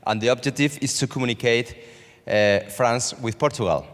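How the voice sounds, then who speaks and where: A man from Spain, a panelist answering in halting English with many fillers and tag "okay?". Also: medium pitch. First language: Spanish. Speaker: panelist, company CEO. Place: large conference hall. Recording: conference hall reverb.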